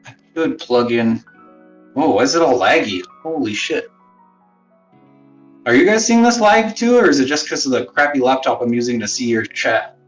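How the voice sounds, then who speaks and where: Chatting casually on a live stream, a man with a medium-pitched, sing-song voice talks at normal speed, rambling, swearing, mocking himself and often muttering under his breath. His phone serves as a wireless webcam mic, so the distant, low-quality audio sounds boxy, like speakerphone from inside a box, with faint music behind him.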